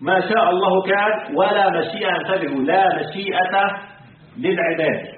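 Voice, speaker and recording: Male sheikh, brisk lecturing with questions to the class; far-off mic, phone-thin, heavy hall echo. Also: sits high. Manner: asks the class questions and drops into colloquial asides; slows to a deliberate pace when reciting the text. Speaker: sheikh teaching creed. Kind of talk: religious lesson to a class. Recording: distant, phone-like, echoey hall.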